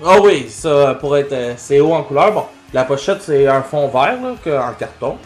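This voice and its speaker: A man with a Quebec French accent co-hosting a podcast in casual chat, animated and slangy, with lots of fillers. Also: a little high, moderate pace. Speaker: podcast co-host. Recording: roomy echo with faint music.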